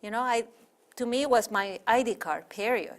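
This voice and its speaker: Speaking at a moderate pace in a voice on the high side, a middle-aged woman from Chile chats as an interview guest. A native Spanish speaker with a Chilean Spanish accent, she rambles and uses many fillers.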